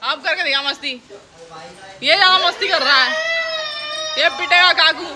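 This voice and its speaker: High-voiced woman vlogging, noisy. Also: moderate pace. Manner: teasing, lively, laughing scolding. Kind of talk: casual family vlog. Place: outdoors and at home with family.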